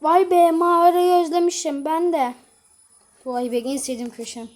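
A woman, a YouTuber, voicing every character in a homemade episode with casual, playful banter and quick switches between voices. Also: very high-pitched, fairly even intonation, a little mellow.

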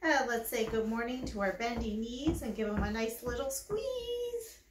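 High-voiced woman leading baby storytime, roomy sound. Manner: encouraging, addressing babies and parents in simple phrases. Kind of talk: singsong children's storytime instruction. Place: living room, indoors. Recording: roomy indoor sound, some music.

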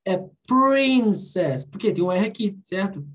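Breathy-voiced Brazilian teacher modeling pronunciation. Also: female voice, mid-range voice, a little mellow. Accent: Brazilian Portuguese. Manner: patient, repeats words slowly to model pronunciation. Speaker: English teacher. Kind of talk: online language class. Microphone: computer mic on a video call.

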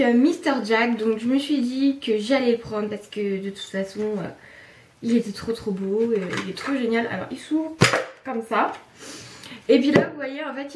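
A woman's voice: a little high, slight background noise. A woman chatting to camera about things she bought, enthusiastic and chatty with lots of fillers. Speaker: YouTuber showing a haul. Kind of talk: casual chat to camera. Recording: echoey room, voice from a distance.

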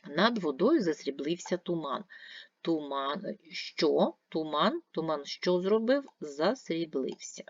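A woman's voice: sits low, animated, slow, no room sound, lo-fi sound. A woman teacher giving a video grammar lesson, patiently asking and answering her own questions step by step. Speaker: primary school teacher.

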